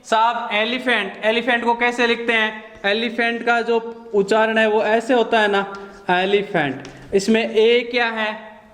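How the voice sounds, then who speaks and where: A man teaching an exam-prep class, asking his students questions and answering them himself with drawn-out repetition. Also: very high-pitched, level tone, a bit bright, echoey room.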